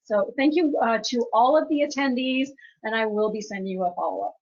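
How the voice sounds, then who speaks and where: A woman's voice: a little high, fairly quick, crowd noise. A woman travel agent speaking in a friendly, gracious way on a webinar. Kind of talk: casual webinar wrap-up. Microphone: video call. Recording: dull lo-fi online call audio.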